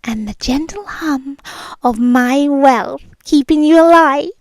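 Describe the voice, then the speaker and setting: Whispering breathily and softly, a woman with a British accent performs an ASMR roleplay as an obsessive, possessive young girlfriend. Her high voice creeps along very slowly, savoring each word with a sinister sweetness, and the close-miked recording is dry and echo-free.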